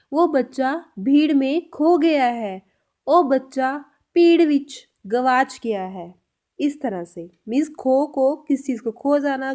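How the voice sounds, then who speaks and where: A woman giving a spoken language lesson, patiently explaining and saying example sentences slowly, then repeating them. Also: sits high, a little mellow. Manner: clear, patient explanation addressed to viewers. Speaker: language teacher.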